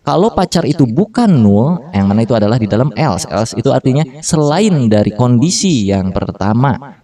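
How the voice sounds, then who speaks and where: Fast-talking man teaching code casually. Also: medium pitch, warm tone, distant mic. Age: 30s. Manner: slangy Jakarta-style casual talk with fillers and self-corrections. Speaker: programming tutor. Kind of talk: casual screen-recorded coding tutorial.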